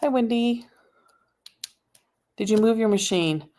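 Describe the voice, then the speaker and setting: Slow and dark in tone but pitched on the high side, this woman's voice belongs to a sewing instructor hosting a live tutorial. She chats casually and answers viewer comments while she works, recorded on a laptop microphone in her home sewing room.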